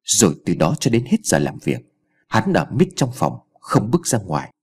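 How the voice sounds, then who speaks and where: A man narrating an audiobook story in an expressive storytelling manner. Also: fairly low pitch, normal speed, a little hiss or hum.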